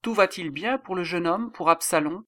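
A man's voice: sits high, normal speed, a bit bright, dry recording, studio quality, voice pushed up. Heartbroken old king, raised lamenting voice, read by a man. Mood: anxious, regal.

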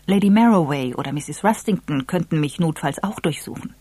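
A reader voicing Eve, an excitable and impulsive young woman, with an eager, affected manner. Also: a little fast, slightly rough, no echo. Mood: excited. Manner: eager, wheedling, high and affected.

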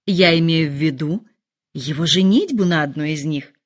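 A woman voicing an excitable, fretful middle-aged mother who speaks in high, gushing exclamations. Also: moderate pace. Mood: excited.

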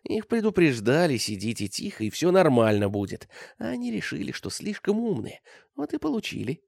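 A man voicing a young bandit who hisses threats and breaks into shrill, tearful shouting. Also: wildly swooping pitch, a little fast, creaky, dry recording, clean studio sound, exaggerated voice. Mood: menacing. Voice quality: hissing, shrill. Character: young bandit lad, cornered, hissing then hysterical.

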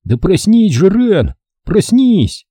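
Man putting on a raised, pushy young boy voice, storybook, dark and husky tone. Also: sits high, wildly swooping pitch, slow pace, no echo, clean studio sound, voice pushed up, exaggerated voice. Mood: urgent. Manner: shouting, insistent. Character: urgent young boy trying to rouse a friend.

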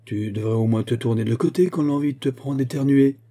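A man's voice: medium pitch, fairly quick, mellow, natural voice. A man voicing a frightened, grumbling old grandfather in a told folk tale, muttering his lines.

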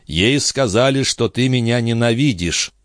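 A man reading an audiobook, voicing a calm, ironic aristocratic count in measured speech. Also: medium pitch, no room sound, clean studio sound, pitched above the performer's own voice, close to an everyday voice. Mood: composed.

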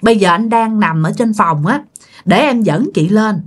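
A woman's voice: mid-range voice, expressive, normal speed, breathy edge. A woman voicing a polite young male soldier who reassures. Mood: reassuring.

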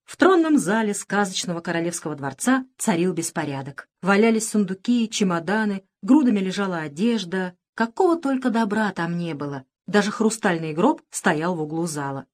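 Woman narrator, children's audiobook, expressive, lively intonation, medium pitch. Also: moderate pace, few pauses. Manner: expressive, storytelling.

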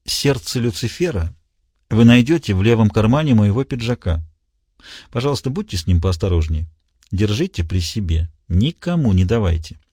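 A man voicing a calm, cold male detective who speaks quietly and deliberately. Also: fairly low pitch, husky, no room sound, clean studio sound.

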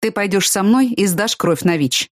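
A woman reading the lines of a calm, protective young man in an audiobook, in a steady, reassuring way. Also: mid-range voice, moderate pace, no echo, studio quality, lightly acted.

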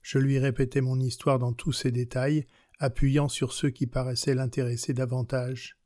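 A man reading as a passionate, worldly young countess in an audiobook of a classic novel, with a measured, unhurried delivery and a steady pitch. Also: no room sound, clean studio sound, lightly acted. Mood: recounting.

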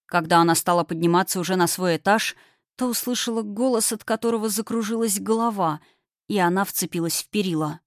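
A woman narrating an audiobook in an expressive, heartfelt storytelling manner. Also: mid-range voice, fairly quick, dry recording, studio quality. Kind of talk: audiobook reading.

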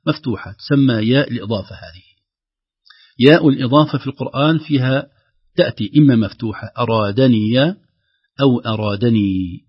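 Husky-voiced man teaching Quran recitation. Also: medium pitch, dry recording, muffled recording. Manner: explains slowly, recites example words louder and drawn out. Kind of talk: tajweed lesson with recited examples.

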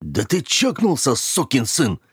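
A man's voice: medium pitch, wildly swooping pitch, a little slow, husky, no room sound, studio quality, voice pushed up, full character voice. A man voicing a foul-mouthed, beaten-up young man who snarls weak, strained curses in an audiobook. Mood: snarling, pained. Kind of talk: audiobook character voice.

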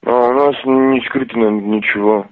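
A man of mid pitch talking over a thin, tinny phone line. He sounds puzzled and explains himself at length, then hits back with harsh swearing. The line sounds narrow and lo-fi. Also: fairly even intonation, normal speed. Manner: confused, then cursing back angrily. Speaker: call recipient. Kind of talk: phone conversation.

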